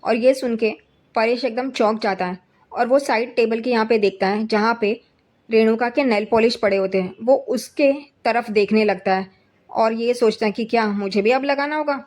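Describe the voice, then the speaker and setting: A woman's voice: normal speed, a little mellow. Chatty woman retelling a drama. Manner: conversational, reads characters' quotes with slightly raised pitch. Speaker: serial recap narrator. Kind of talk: casual spoken retelling of a TV serial episode.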